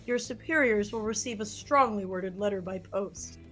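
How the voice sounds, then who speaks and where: A woman streamer voicing a pompous older man obsessed with Victorian fashion, in a stuffy, over-formal, lowered voice. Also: moderate pace, a bit bright, faint music behind, lightly acted. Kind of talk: streamer voicing a dating-sim character.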